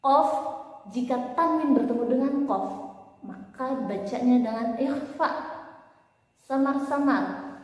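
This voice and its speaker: A woman's voice: sits high, slow pace, long pauses. A woman teaching recitation rules, chanting the examples and letter rhymes in a sing-song voice. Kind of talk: tajwid lesson with chanted examples. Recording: echoey room with long reverb.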